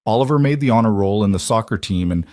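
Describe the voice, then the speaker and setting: Male storyteller narrating, low and dry, steady and measured. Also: no echo.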